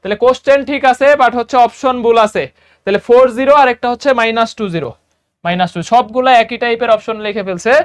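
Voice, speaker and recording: A math tutor with a Bangladeshi Bengali accent runs a casual exam-prep lesson, chatting, repeating each step, and quizzing his students. His voice is very high and clean-toned, and he speaks fast.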